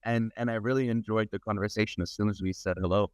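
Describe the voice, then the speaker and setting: This guest is a middle-aged German technology advisor in a conversational interview, earnest and expansive, who tends to repeat words as his sentences take shape. He has a lowish, darkish, smooth voice with fairly even intonation and a quick pace. The recording is dry, dull, and lo-fi.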